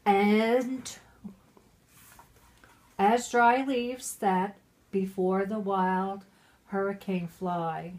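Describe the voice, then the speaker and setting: This mother, a middle-aged woman who is very drunk, works through a Christmas poem from a storybook for her family, tripping over the words and wandering into irreverent asides. She speaks very slowly with long pauses, in a mid-range, darkish voice with fairly even intonation.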